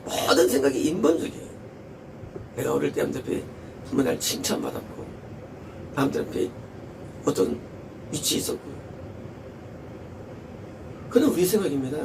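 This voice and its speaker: A man's voice: fairly high pitch, expressive, moderate pace, vocal fry, long pauses, recorded from a distance, noisy background. A male pastor preaching a sermon with emphasis, repeating key phrases and asking rhetorical questions.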